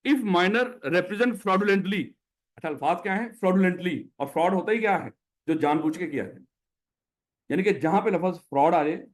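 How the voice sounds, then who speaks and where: Speaking in a high-pitched voice, this Pakistani Urdu-accented man teaches a classroom lecture. He explains the material by asking his students questions.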